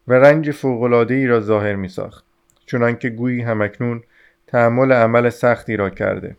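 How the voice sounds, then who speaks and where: A man narrating a translated novel as an audiobook reader, in a measured reading voice. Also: medium pitch, muffled recording.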